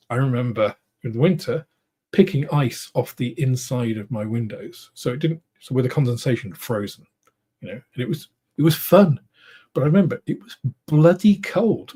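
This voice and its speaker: A middle-aged man with a British accent, hosting a casual livestream, answering viewers in a rambling, thoughtful way with many pauses and restarts. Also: mid-range voice, warm tone, slightly rough. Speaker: host of a model-making livestream. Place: home studio room.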